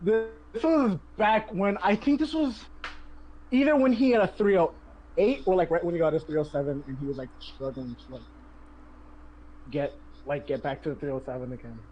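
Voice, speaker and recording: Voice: medium pitch, moderate pace, dark tone, highs cut off, slight background noise. A host giving casual commentary over their own speedrun, chatty, often laughing and sharing tips.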